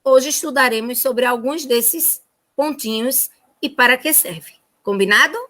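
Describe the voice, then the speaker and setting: A woman's voice: sits high, a little slow, pushed and bright. A Brazilian woman teacher giving a remote lesson to first graders in a sing-song, child-directed way. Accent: Brazilian Portuguese.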